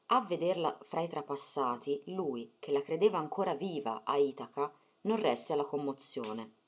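Low-voiced woman narrating a myth. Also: lively intonation, normal speed, slightly rough. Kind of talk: storybook narration.

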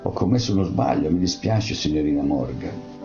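A man reading aloud and voicing a remorseful, apologetic older gentleman in a storybook reading. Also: rumbling low, expressive, moderate pace. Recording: dull lo-fi audiobook with faint music.

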